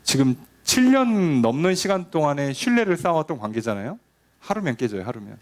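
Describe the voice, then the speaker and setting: Man, pastor, conversational sermon, rhetorical questions, animated pitch. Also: brisk. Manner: conversational, asks rhetorical questions, acts out quoted lines.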